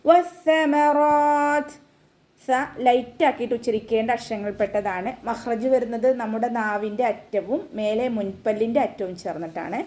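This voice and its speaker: A woman's voice: mid-range voice, brisk, few pauses, mellow. A woman teaching an online recitation class, explaining pronunciation rules step by step in a patient voice.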